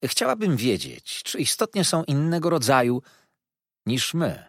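A man reading an audiobook voices a confident young gentleman with a cool, dismissive manner. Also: mid-range voice, wildly swooping pitch, unhurried, dry recording, clean studio sound, pitched above the performer's own voice, exaggerated voice.

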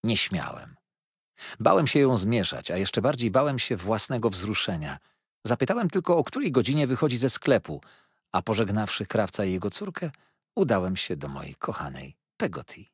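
A male audiobook narrator tells a classic story in the first person, pausing and swelling for drama. His voice is low and husky, and his pitch moves in wide, animated sweeps. The sound is close and dry, with no room in it. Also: no echo. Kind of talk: expressive literary audiobook narration.

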